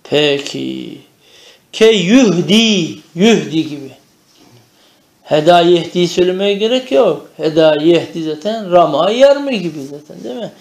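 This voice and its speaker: A man's voice: a little high, animated, moderate pace, vocal fry, a little mellow, echoey room. A man teaching a traditional madrasa-style Arabic lesson, chanting verb conjugations in rhythmic drills and explaining them in Turkish, often checking with "değil mi?".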